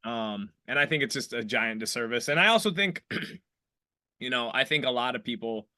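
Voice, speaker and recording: A man's voice: mid-range voice, moderate pace, pushed and bright, no echo, studio quality. A man in his thirties from Iowa hosting a casual podcast interview, rambling and swearing freely, with lots of restarts. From Iowa, United States. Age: 30s. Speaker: podcast host.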